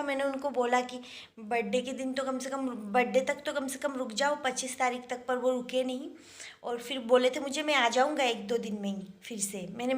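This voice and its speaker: A young woman chatting casually in a daily home vlog, rambling with many fillers. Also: high-pitched. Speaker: vlogger.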